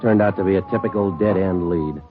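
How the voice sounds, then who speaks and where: In a 1950s radio drama, an American man plays a terse, dogged police sergeant who also narrates, speaking clipped and matter-of-fact. His deep voice moves a little fast with light acting. The vintage recording is muffled, with music underneath.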